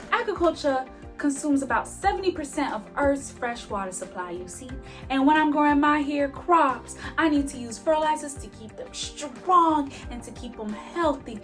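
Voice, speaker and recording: Woman doing a high-voiced folksy farmer man with a drawl, y'all and yonder. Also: a bit bright. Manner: folksy drawl, calls people honey and baby. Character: folksy rural southern male farmer.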